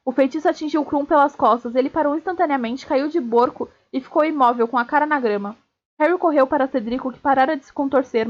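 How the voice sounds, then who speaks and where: A woman streamer reads a novel aloud at a steady clip and now and then trips over a word and starts it again. Her voice is high. The stream audio is dull and lo-fi. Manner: steady reading with small slips and restarts. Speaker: streamer reading a book aloud. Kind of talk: live read-aloud of a novel.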